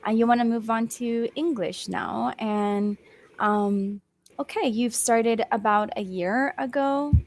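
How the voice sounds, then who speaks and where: A young Australian woman with a fairly high, steady voice tutors English one-on-one over a video call. She is patient and encouraging, slowing down to rephrase things and using lots of ums.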